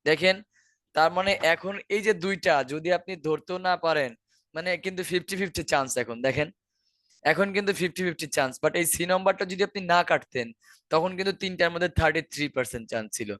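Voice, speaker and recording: A man's voice: fairly high pitch, fast, fairly bright tone, no echo. Bangladeshi man teaching, repeating key words. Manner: explains step by step, repeats key words, asks rhetorical questions. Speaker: IELTS teacher. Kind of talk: online lesson explaining listening answers.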